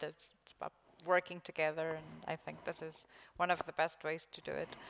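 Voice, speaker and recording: A woman's voice: on the low side, gravelly, fairly bright tone, a little hiss or hum. A middle-aged woman moderating a conference panel on stage, politely thanking speakers and handing over the floor, with a headset mic. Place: conference stage in a large hall. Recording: long hall reverb.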